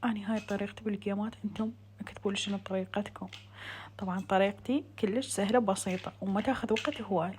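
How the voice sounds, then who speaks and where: Female home-cooking vlogger, southern Iraqi Arabic accent, mid-pitched voice. Casual, chatty voice-over delivery, speaking to the audience as friends. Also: steady tone, rapid-fire, darkish tone, a little hiss or hum. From Iraq. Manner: chatty, addresses viewers as friends.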